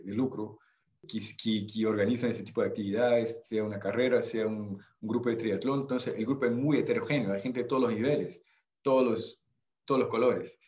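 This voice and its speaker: A Brazilian-accented man whose first language is Portuguese tells stories casually as a podcast guest, often searching for words. He's an amateur triathlete, and his voice is lowish and darkish in tone in a muffled recording.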